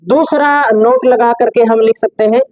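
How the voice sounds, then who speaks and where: Male teacher dictating notes slowly. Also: extremely high pitch, fairly even intonation, a little mellow, dry recording, rough recording. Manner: repeats key phrases slowly for note-taking. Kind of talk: classroom lecture dictating notes.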